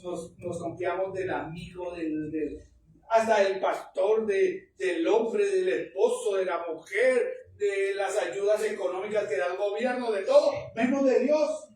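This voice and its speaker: A man's voice: sits high, darkish tone. A man, a pastor preaching an emphatic, fervent sermon full of repetitions. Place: church hall. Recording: echoey hall, distant mic, faint noise.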